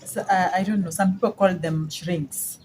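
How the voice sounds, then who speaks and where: A woman's voice: fairly low pitch, fairly even intonation, normal speed, a little mellow, a little hiss or hum. A woman with a Kenyan accent hosting a casual video chat, feeling her way through her phrases. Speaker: channel host.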